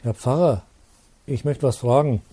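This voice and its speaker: A man's voice: mid-range voice, measured pace, warm tone, breathy edge, dry recording, pitched above the performer's own voice. A man voicing an old village postman who speaks hesitantly and apologetically. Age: older.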